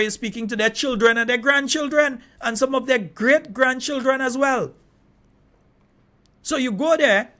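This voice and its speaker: High-voiced man hosting radio. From Trinidad. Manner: animated, indignant, laughing asides. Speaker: radio talk show host. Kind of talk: call-in radio commentary.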